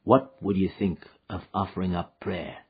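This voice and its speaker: A man playing a weary frontier wanderer who speaks gently to a child in a rustic dialect, with a husky voice. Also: low voice, moderate pace, phone-quality sound, full character voice. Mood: coaxing.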